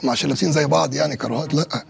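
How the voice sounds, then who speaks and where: A man's voice: on the high side, very fast, creaky, crowd noise. A man with an Egyptian Arabic accent, an actor on set, talking in a coaxing, placating way in a comic sketch.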